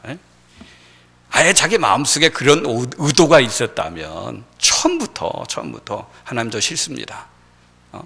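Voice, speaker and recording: A man's voice: mid-range voice, gravelly, sharp tone. A male pastor preaching a Sunday sermon in church, emphatic, repeating key phrases and asking his congregation rhetorical questions. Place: church sanctuary.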